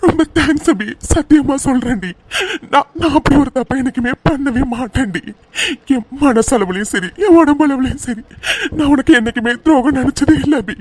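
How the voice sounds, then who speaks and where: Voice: sits high, animated, moderate pace, a little mellow, no echo. Someone voicing a tearful pleading young husband. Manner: pleading, tearful, repeats himself. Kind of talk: cartoon serial dialogue.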